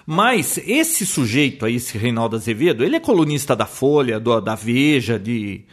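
A man's voice: medium pitch, sing-song, moderate pace. A Brazilian man co-hosting a casual podcast chat, telling opinionated stories with many restarts. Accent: Brazilian Portuguese. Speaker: podcast co-host.

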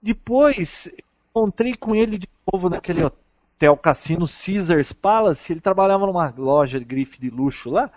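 A man's voice: high-pitched, moderate pace, no echo. Chatty Brazilian man telling travel stories. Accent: Brazilian Portuguese. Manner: chatty, animated storyteller. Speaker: traveling podcast guest. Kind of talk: casual chat over a call.

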